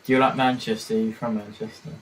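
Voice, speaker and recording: A young man talks through a football watchalong stream. He rambles along in a lowish voice, stopping and starting with lots of fillers. Faint noise hums under his mic. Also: level tone, quick pace, rough recording. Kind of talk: casual live-stream chat.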